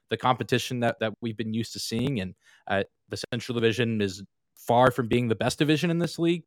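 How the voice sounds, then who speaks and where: A man with a lowish voice chats casually as a podcast guest. He rambles and laughs easily. The sound is dry and close to the mic. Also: dry recording. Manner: rambling, laughs often, many fillers.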